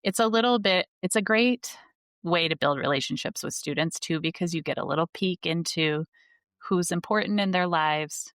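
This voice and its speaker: A woman's voice: fairly low pitch, normal speed, a bit bright, no echo, studio quality. A woman school librarian talking earnestly in a casual conversation, with many fillers and restarts. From United States.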